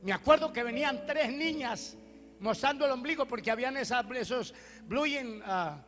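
A male preacher delivers his testimony in a strikingly high voice. He tells the story with animation, swinging from loud declarations down to hushed, prayerful lines. Faint music plays behind him. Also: lively intonation, moderate pace, big-room sound. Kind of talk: testimony sermon.

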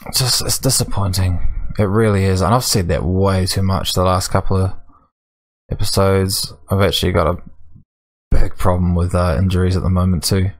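Low-voiced New man, dry gamer. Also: steady tone, moderate pace. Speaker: gaming video host. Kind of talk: casual game commentary while playing. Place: small room at home, indoors.

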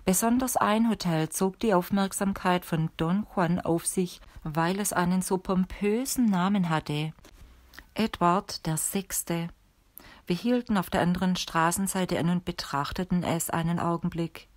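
A woman narrating an audiobook in a steady, measured reading. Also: fairly low pitch, no echo.

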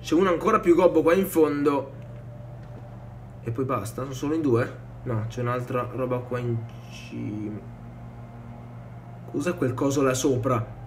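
A man giving excitable let's-play commentary, swearing a lot and yelling in panic at enemies while addressing viewers directly. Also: mid-range voice, moderate pace, pauses often, slight background noise. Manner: talks to viewers as "raga". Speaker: gameplay commentator.

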